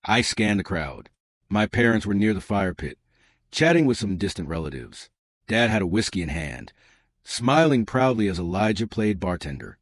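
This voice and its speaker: A man narrating a first-person family drama story in a measured, bitter tone. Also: lowish voice, lively intonation, no room sound, studio quality.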